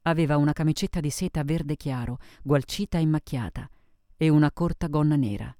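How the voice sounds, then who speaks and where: A man narrating a novel in the first person with a measured reading manner. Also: fairly high pitch, warm tone, no echo, clean studio sound. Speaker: audiobook narrator. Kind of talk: scripted narration.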